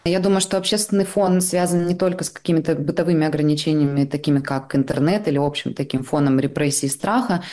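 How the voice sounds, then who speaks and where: A woman answering interview questions thoughtfully, pausing with filler sounds. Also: deep voice, darkish tone. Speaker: interviewee commenting on emigration.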